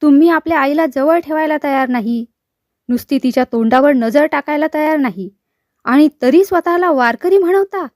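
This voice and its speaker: A woman's voice: high voice, moderate pace, a little mellow, dry recording, clean studio sound, natural voice. A woman voicing a stern male superintendent of a leprosy home who reproaches and coaxes, in a storybook reading. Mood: reproaching.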